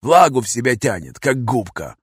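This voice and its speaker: A man doing a hoarse, gruff street vagrant. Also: mid-range voice, very animated, dry recording, studio quality. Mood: chatty. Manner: slangy, coarse, drawn-out talk. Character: gruff streetwise male vagrant, talkative and bossy.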